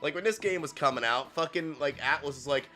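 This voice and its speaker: A man's voice: a little high, brisk, bright, forceful tone, soft background music. A man chatting loosely while playing a game, joking and swearing often. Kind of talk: casual gaming chat.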